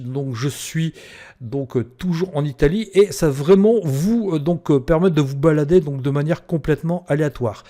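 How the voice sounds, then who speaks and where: Man, tutorial presenter, mellow and warm, unhurried click-by-click explanation with fillers. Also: mid-range voice. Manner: explains step by step with many fillers. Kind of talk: screen-recorded software tutorial.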